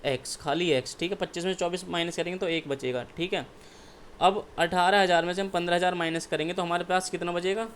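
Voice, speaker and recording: A man's voice: sits high, steady tone, quick pace, a bit bright, a little hiss or hum. A male maths teacher working through exam problems step by step, asking questions and answering them himself, with frequent "okay" check-ins. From India. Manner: keeps asking and answering his own questions, repeats "ठीक है".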